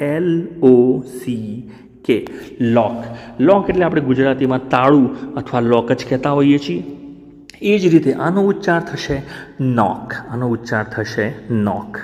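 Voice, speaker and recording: A man teaches a language lesson at an unhurried pace, reading out the spelling of each word one letter at a time. He keeps checking in with his learners by asking how a word is pronounced. His mid-range voice carries a long reverb from the room. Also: medium pitch, a little mellow. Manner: spells words out slowly letter by letter, asks learners questions. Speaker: English teacher.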